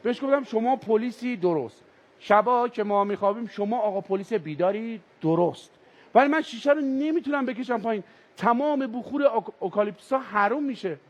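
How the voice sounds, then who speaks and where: Male stand-up comic, very high pitch, animated storyteller who acts out characters. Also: lo-fi sound. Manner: animated, switches into character voices. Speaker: stand-up comedian. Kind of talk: stand-up storytelling with acted voices. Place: stage before a live audience.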